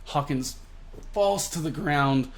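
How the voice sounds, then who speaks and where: A young man casually and excitedly recapping a manga chapter, full of slang and fillers. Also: fairly high pitch, slow. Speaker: manga reviewer.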